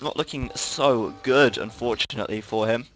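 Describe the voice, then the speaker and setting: A man's voice: mid-range voice, moderate pace, fairly bright tone, poor audio. A tired man giving live play-by-play commentary on a strategy game, with frequent fillers. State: tired, yawning.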